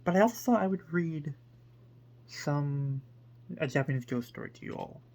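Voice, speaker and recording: A man hosting his own book channel, talking casually to the camera in a hesitant, rambling way with many pauses and fillers. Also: on the high side, expressive, a little mellow. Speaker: book reviewer.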